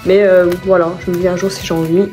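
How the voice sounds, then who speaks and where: This vlogger's voice sits on the low side, mellow and relaxed, and she speaks fast. Chatting at home about her shopping haul, she rambles and corrects herself, with soft music playing quietly behind her.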